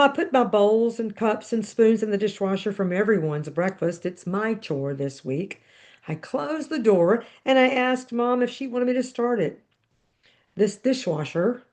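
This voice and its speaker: A woman with a mid-range voice reads a story aloud for a podcast, pausing now and then to speak to her listeners. Her delivery is measured and expressive. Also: mid-range voice. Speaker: podcast host. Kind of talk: reading her book aloud with brief commentary.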